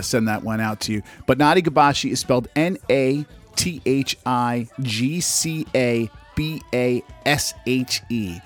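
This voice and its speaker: Male podcast host, halting and casual. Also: mid-range voice. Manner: halting, rambling delivery. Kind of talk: casual podcast introduction and interview.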